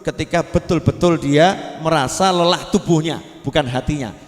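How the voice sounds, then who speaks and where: A man with a Javanese accent preaching to a congregation, lively, quizzing the audience and acting out little scenes, in a large hall. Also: on the high side, normal speed. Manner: lively, asks the audience questions, acts out scenes. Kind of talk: religious lecture to a congregation. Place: prayer gathering in a large hall. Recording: long hall reverb.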